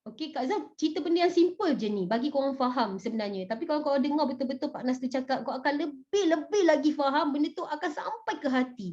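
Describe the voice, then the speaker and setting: High-voiced woman preaching. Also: quick pace, few pauses. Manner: animated, chatty, asks the audience questions. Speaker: motivational speaker. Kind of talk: religious motivational talk to a live audience. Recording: dull, muffled recording.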